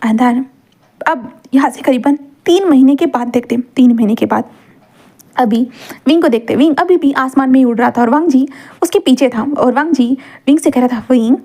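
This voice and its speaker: High-voiced woman casually narrating a story. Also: moderate pace, mellow. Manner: chatty, mixing English words into storytelling.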